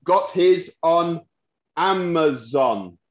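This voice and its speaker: A man plays a disapproving judge in a puppet improv contest. His voice is slightly high and measured, with a strong room echo around it. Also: expressive, very noisy. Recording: roomy, echoing video-call audio.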